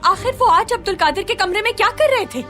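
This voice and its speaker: A high-voiced, accusing palace lady. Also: lively intonation, brisk, bright, forceful tone, soft background music, heavily acted. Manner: accusatory, pointed.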